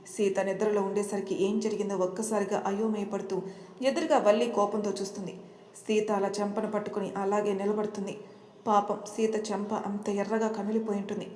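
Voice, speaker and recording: A woman narrating an audio story in a steady, expressive way. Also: medium pitch, a little fast. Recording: roomy echo.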